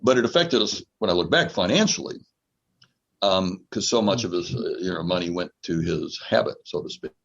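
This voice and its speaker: A man with a very low, gravelly voice takes part in a reflective podcast conversation. He speaks in a measured, thoughtful way, and his voice has a husky edge. The audio is dull and lo-fi. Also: expressive.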